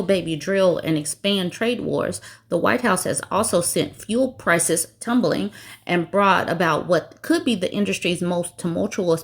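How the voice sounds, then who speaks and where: A woman hosting political commentary, reading news articles aloud and breaking off into sarcastic, mocking asides. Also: on the low side.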